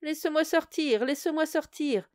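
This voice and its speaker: A woman's voice: a little high, moderate pace, darkish tone, lightly acted. A woman voicing a boastful, tricky male bottle spirit in an audio fairy tale, with a thin, pleading voice that can turn menacing. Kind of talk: storybook audio reading.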